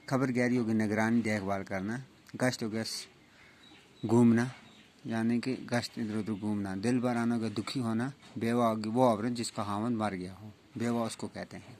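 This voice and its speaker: A man's voice: lowish voice, steady tone, darkish tone, slight background noise. A male school teacher giving a reading lesson to young children, restating each sentence in simpler words.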